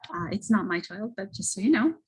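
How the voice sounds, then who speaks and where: A woman giving a casual, halting product testimonial as a host, often correcting herself as she goes. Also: mid-range voice, animated, husky, rough recording. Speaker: host presenting wellness products. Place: library children's area. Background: children and banging in background.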